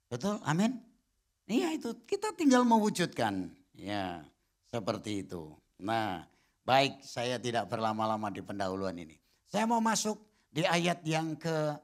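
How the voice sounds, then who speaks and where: A middle-aged man preaching a church sermon, chatting with the congregation through teasing questions and swinging from soft asides to loud emphatic bursts. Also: on the high side. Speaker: pastor. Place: church service.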